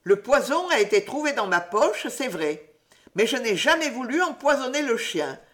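A woman's voice: a little high, very animated, normal speed, a bit bright, pitched above the performer's own voice. A woman voicing an honest young schoolboy who protests his innocence earnestly.

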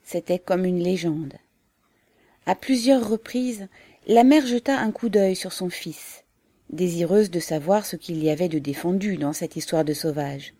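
A woman narrating a novel as an audiobook reader, in a calm, even and measured way. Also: on the low side, no echo.

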